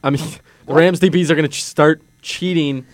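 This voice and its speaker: Casting: young male co-host, clear dry voice, rambling takes, faint electric hum. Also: fairly high pitch, steady tone, moderate pace, no echo. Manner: rambling, laughs through his takes. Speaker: sports radio co-host. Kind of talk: casual sports banter.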